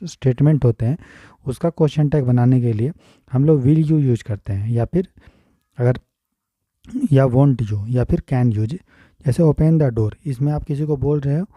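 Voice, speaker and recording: A man's voice: mid-range voice, dark tone, dry recording. An Indian man teaching an exam-prep grammar lesson, explaining step by step and often checking if students follow.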